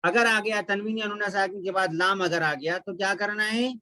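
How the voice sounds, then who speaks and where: A man's voice: high voice, steady tone, moderate pace, sharp tone, dry recording, clean studio sound. A man teaching Quran recitation rules step by step, drawing out each example syllable by syllable and repeating it. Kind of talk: step-by-step tajweed lesson.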